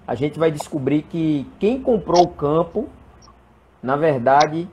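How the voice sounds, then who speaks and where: A man, a presbyter and guest, talking in a measured, hesitant way in a casual live chat about the Bible. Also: a little high, animated, background noise.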